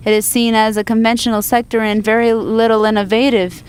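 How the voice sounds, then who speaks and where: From a conference booth, a woman interprets a panel discussion live into English, often halting to restart and correct herself. Her voice is fairly high and clean, with little movement in pitch.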